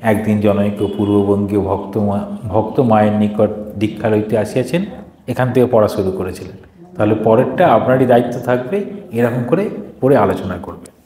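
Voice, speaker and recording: Speaking at a moderate pace in a warm, fairly low voice, a male monk reads formal devotional passages to a live gathering and then explains them in everyday language, asking and answering his own questions. The recording carries hall echo and faint background noise.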